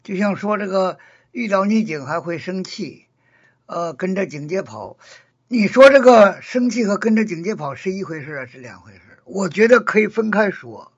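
A man's voice: sits high, expressive, moderate pace, husky, lo-fi sound. A man leading a casual Buddhist discussion, earnest and explaining, who often repeats and rephrases his points.

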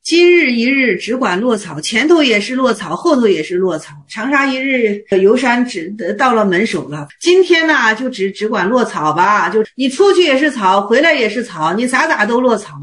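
A woman teaching on Zen Buddhist texts in a colloquial, lively explaining manner. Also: on the high side, normal speed, few pauses, roomy sound.

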